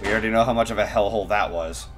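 A man playing a video game and commenting casually, excitable and full of profane mock-aggressive trash talk. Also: fairly low pitch, racing. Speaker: player and streamer. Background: video game music.

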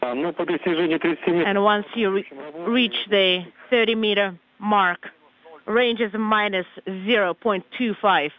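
Slow, high-pitched man dictating over radio. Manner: dictating readings in short, measured, halting phrases. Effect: radio transmission. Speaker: spacecraft docking radio communicator. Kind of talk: technical radio callouts of numbers. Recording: muffled, dull space radio link.

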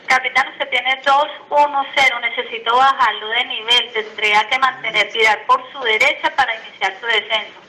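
Lady air traffic controller reading out instructions on the radio, sharp bright voice. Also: a little high, steady tone, normal speed, hardly any pauses, low-quality recording. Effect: aviation radio.

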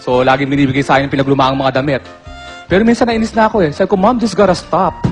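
A man's voice: mid-range voice, expressive, very fast, faint music behind. A man telling comic stories about his childhood and mimicking his mother's scolding. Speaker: comedian. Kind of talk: comic storytelling.

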